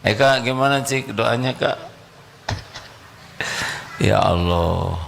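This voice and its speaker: A man's voice: mid-range voice, takes it slowly, gravelly, slight background noise. A male preacher, giving a sermon and playfully quizzing his audience. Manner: playful, questioning the audience directly.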